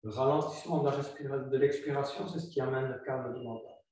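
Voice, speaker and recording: A man guiding a yoga flow class, calm and instructive, repeating his cues slowly. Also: mid-range voice. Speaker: yoga teacher. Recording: very echoey room, voice far from mic.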